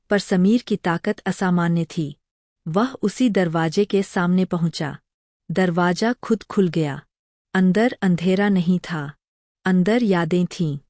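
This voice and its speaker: A woman narrating a scripted horror story in a measured, ominous way. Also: lowish voice, warm tone, dry recording, studio quality.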